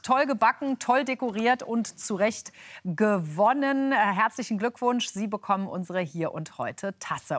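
A woman presenting a live TV magazine show, chatty and upbeat, with light improvised asides. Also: lowish voice.

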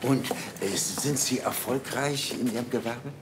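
An actor playing a bumbling, pompous police chief in a crime comedy, talking in an awkwardly overbearing way. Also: male voice, mid-range voice, unhurried, lightly acted. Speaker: police detective. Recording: noisy TV soundtrack.

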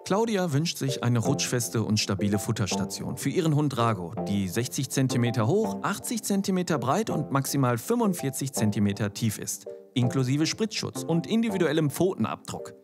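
A man reading scripted TV voice-over narration in a smooth, explanatory way. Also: mid-range voice, sing-song, normal speed, hardly any pauses, over music.

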